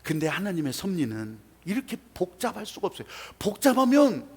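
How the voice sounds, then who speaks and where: A male pastor preaching a sermon in a church, telling a story with animated, emphatic asides. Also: high voice, fairly quick, slightly rough. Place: church sanctuary. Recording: reverberant church hall.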